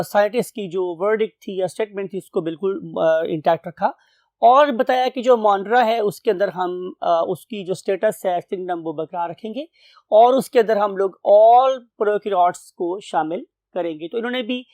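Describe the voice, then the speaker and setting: A man's voice: high voice, a little mellow, dry recording. A man teaching a biology class, explaining steadily and slipping English terms into his lecture while addressing his dear students.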